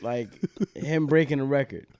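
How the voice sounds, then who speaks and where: A man's voice: medium pitch, normal speed, darkish tone, clear, resonant tone, no room sound. Slangy man pressing a sports question. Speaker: podcast co-host. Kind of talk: casual sports chat.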